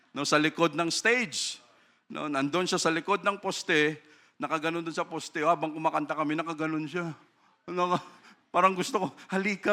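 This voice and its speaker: Male pastor from the Philippines, bright and crisp voice, animated sermon testimony rising into fervent prayer. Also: on the high side. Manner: storytelling with frequent tag questions.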